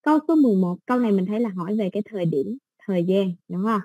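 Southern Vietnamese woman, English tutor, casual patient explainer, warm tone, dry sound. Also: medium pitch, racing, dry recording. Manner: patient, explains step by step with soft fillers. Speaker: English teacher. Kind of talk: casual exam-prep lesson.

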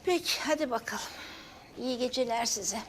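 An actress playing a weary, kindly older woman in a TV drama, motherly and resigned, with a creaky voice. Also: on the high side, lively intonation, moderate pace, a little hiss or hum, natural voice. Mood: weary concern. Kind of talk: TV drama acting.

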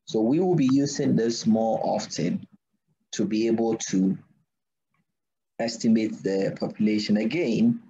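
A man lecturing a class at a deliberate pace, often pausing to ask "what?" so students can fill in the word. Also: lowish voice, mellow. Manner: asks students to finish his sentences with "what?"; slow deliberate delivery. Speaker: university lecturer. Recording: dull lo-fi recording.

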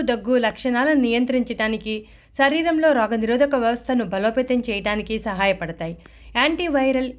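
A woman hosting a home-remedy recipe channel, giving a steady, instructive scripted voice-over. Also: fairly high pitch.

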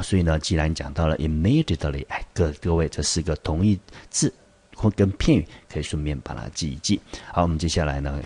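Deep husky male English teacher. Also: a little mellow. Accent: Taiwanese Mandarin. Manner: patient, explanatory, asks the class rhetorical questions. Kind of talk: vocabulary lesson explaining word by word.

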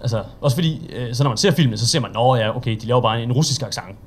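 A young man with a Danish accent performing a stand-up set at an open mic, telling stories in a chatty, self-mocking way and acting out the people in them. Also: mid-range voice. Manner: chatty, self-mocking storytelling with quoted voices. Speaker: stand-up comedian.

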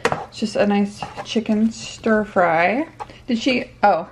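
A woman in her thirties chatting casually to a handheld camera at home, relaxed and rambling with fillers. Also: medium pitch, slow, background noise. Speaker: vlogger. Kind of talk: casual vlog chat. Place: home kitchen and living room. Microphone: handheld camera at arm's length.

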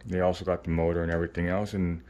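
At an indoor hobby workbench, an RC hobbyist host gives a casual, informal step-by-step how-to. His low voice is flat, very fast and a little mellow, and his speech is slightly muffled because his face is swollen after surgery.

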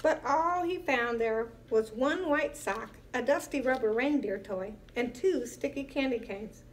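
A woman reading a children's picture book aloud in a lively, expressive way with playful emphasis. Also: on the high side, unhurried, a little hiss or hum. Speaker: storyteller.

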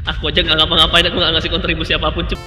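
A man's voice: a little high, completely flat delivery, racing, echoey room. An Indonesian man chatting and joking casually with friends while playing a game. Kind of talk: casual joking gameplay chat. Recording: loud music under the voice.

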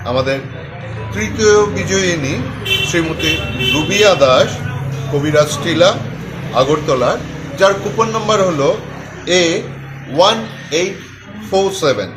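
A man with a slightly high voice announces prize winners formally. He sets out names and numbers in short, deliberate phrases, with clear music behind him. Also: poor audio. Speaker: company managing director announcing prize winners.

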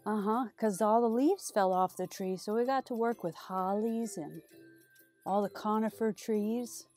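Here a middle-aged woman hosts storytime for small children, her medium-pitched voice a little slow and a little mellow, reading aloud and talking in an exaggerated sing-song manner. Faint music plays behind her on the small, decorated indoor storytime set.

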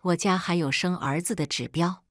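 A woman's voice: fairly low pitch, moderate pace, dry recording, studio quality, lightly acted. Woman voicing a defiant rural father. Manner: shouting threats.

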